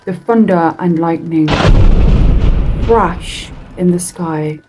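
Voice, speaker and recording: A woman narrating a horror story in a slow, deliberate reading that draws out its words. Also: on the low side, very noisy.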